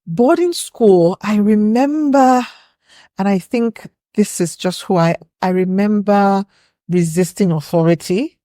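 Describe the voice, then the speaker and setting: This Nigerian-accented woman from Nigeria is a podcast guest, casually reminiscing about her past in an easygoing, reflective way. She speaks slowly in a mellow, medium-pitched voice. The clean studio sound carries no room sound.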